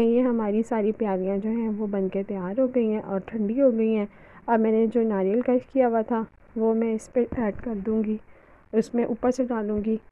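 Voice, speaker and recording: A woman with a voice on the high side hosts a home cooking tutorial, talking over the footage in a chatty, homely way and sprinkling in religious greetings and fillers. She runs a cooking channel, and the sound has a phone-like quality.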